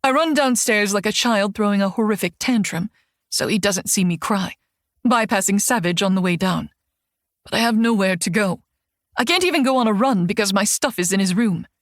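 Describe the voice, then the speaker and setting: A woman's voice: mid-range voice, expressive, moderate pace, dry recording. A woman narrates a first-person audiobook with a wry, sardonic edge. Her voice sits in the middle range for a woman. The reading is dry and close, with no room sound. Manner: wry, sardonic inner monologue.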